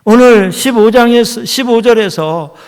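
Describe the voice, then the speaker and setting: A man's voice: very high voice, unhurried, a little mellow, clear, resonant tone. A male pastor preaching a sermon in a church sanctuary, telling the story vividly with rhetorical questions. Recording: reverberant church hall.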